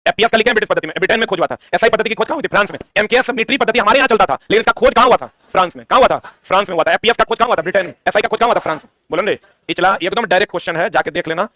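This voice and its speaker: A man's voice: high-pitched, racing, few pauses, pushed and bright, dry recording. A man, teaching an exam-prep science lesson, asking questions and answering them himself. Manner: quizzing, asks and answers his own questions.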